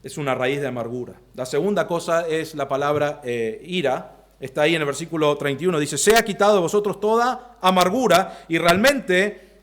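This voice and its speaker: Delivering an expository sermon from the pulpit, an Argentine pastor speaking Rioplatense Spanish alternates loud outbursts with hushed, low-pitched asides.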